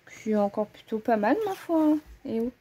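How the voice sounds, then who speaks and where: In a husky, warm, somewhat high voice, a woman chats animatedly at a moderate pace while holding up her coloring books for the camera. It's a relaxed show-and-tell of her hobby collection, full of self-corrections, pauses and repeated "voilà"s as she thinks out loud.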